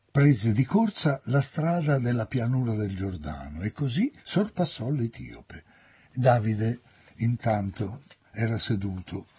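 A man reading a Bible story aloud as an expressive storyteller. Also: lowish voice, slightly rough. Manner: expressive storyteller, lively intonation. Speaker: narrator. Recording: dull dry recording.

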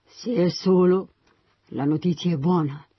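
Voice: mid-range voice, measured pace, husky, dry recording. A Bible story reader voicing an old king who asks anxiously after his son and breaks into weeping. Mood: hopeful. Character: grieving old king, father of rebel son. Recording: dull dry recording.

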